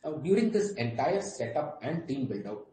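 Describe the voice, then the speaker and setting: A company executive with an Indian accent gives a formal, scripted presentation on an earnings call. His medium-pitched, dark-toned voice swings widely in pitch at a moderate pace. The audio has a roomy echo and faint background noise.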